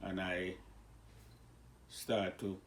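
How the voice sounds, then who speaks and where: Gravelly old Jamaican-accented man. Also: low-pitched, level tone. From born in Cuba, raised in Jamaica. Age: 90s. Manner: halting, searches for words. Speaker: grandfather telling his life story. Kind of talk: casual interview.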